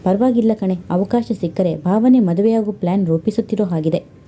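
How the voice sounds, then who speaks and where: A woman's voice: mid-range voice, fairly quick, natural voice. A woman voicing a bitter, sarcastic young wife in an audio story. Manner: sharp, sarcastic.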